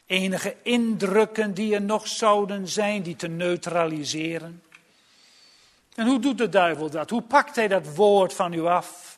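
A man preaches a sermon with grave, emphatic warnings. His voice is high for a man and he speaks slowly, drawing out the words and leaning on them for stress.

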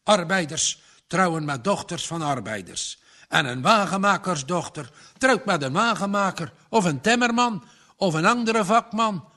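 A man voicing an angry, stubborn old farmer father who shouts with indignation. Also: animated, normal speed. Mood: indignant. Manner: shouting, indignant, pitch jumps up.

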